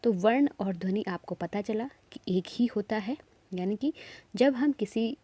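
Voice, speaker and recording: A woman's voice: medium pitch, unhurried, warm tone. A woman teaching a Hindi exam-prep lesson, explaining step by step and often checking that students follow.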